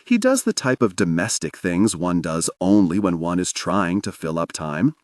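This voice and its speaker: A male audiobook narrator with a fairly low voice that swings widely in pitch as he tells the story. The recording is close and dry, with no room sound at all. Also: moderate pace, no room sound. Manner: expressive, storytelling.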